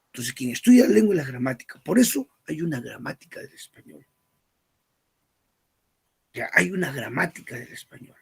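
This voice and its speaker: A male language teacher lectures a class, posing questions and supplying the answers himself. His voice is gravelly and husky, with a fry in it, and sits fairly high for a man. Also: sing-song, moderate pace, pauses often. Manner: asks questions and answers them himself, stresses key words.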